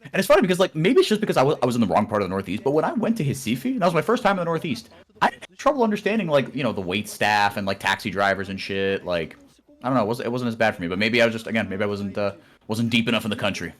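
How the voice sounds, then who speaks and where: A man's voice: on the low side, sing-song, racing. A man casting an esports stream, chatting casually and rambling with plenty of fillers and restarts. He grew up with Portuguese at home. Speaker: esports caster. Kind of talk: casual live-stream commentary chat.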